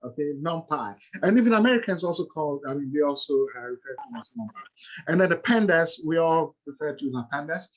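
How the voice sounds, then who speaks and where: A middle-aged man with a Ghanaian accent presents like a lecturer, his voice sitting a little high for a man. He explains things step by step and keeps stopping on "uh" and "okay" as he goes. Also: expressive, fast, dull audio.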